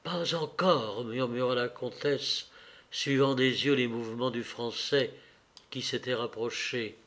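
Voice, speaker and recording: A man reading a novel aloud as an audiobook, measured and even. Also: mid-range voice. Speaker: audiobook reader.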